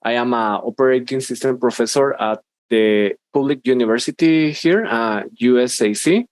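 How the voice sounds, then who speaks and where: Guatemalan man in his thirties, Spanish-accented English, presenting a tech talk over a headset, dry close sound, plenty of fillers and restarts, mid-pitched voice. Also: dry recording. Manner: informal, hesitant, many fillers and restarts. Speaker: university professor and conference speaker. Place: small room indoors, video call.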